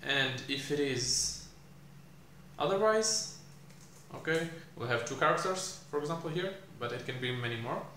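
A young man teaching programming while he codes, thinking aloud with many fillers and pauses, recorded in a small room. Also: fairly high pitch, lively intonation, sharp tone. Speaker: programming tutor. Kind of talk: live coding explanation. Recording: echoey room, faint hiss.

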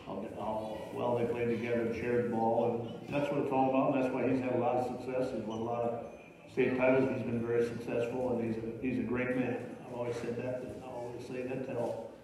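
A man speaks with a flat, mellow tone, steady and admiring. The clip echoes through a big hall from far away, with faint noise behind. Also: mid-range voice, fairly quick. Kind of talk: interview.

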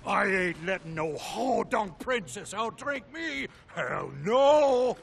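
A man voicing a rowdy, hot-headed clan groom who shouts with gravelly bravado. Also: sits high, lively intonation, measured pace, far from the mic, slight background noise, exaggerated voice. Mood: furious.

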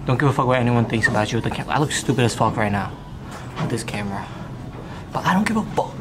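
A young man talking casually and bluntly to a handheld camera in a gym, swearing and boasting, with loud music playing behind him. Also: mid-range voice, lively intonation, fast, noisy background. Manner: brash, swearing, joking bravado. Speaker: fitness vlogger. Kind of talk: casual gym vlog chat. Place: commercial gym, indoors. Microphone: handheld camera mic.

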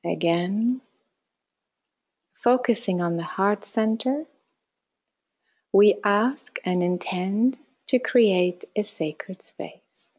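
In a slightly muffled recording, a woman gives slow meditation instructions separated by long pauses. Her mid-range voice stays calm and measured, unhurried in the extreme, each phrase coming to rest gently.

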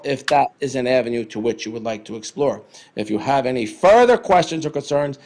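A man, a police chief, reading a letter aloud at a town council meeting, plain and steady with some fillers. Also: a little high. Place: council chamber.

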